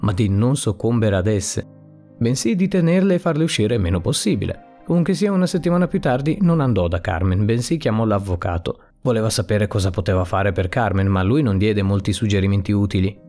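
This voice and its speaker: A man's voice: on the low side, lively intonation, a little fast. Man narrating a story over faint music. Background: soft music.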